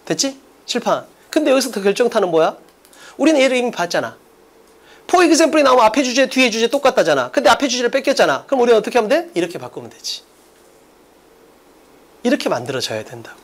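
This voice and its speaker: Emphatic male exam lecturer, lively pitch. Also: fast, pauses often. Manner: emphatic, quizzes listeners with rhetorical questions, blunt casual speech. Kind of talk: energetic classroom lecture.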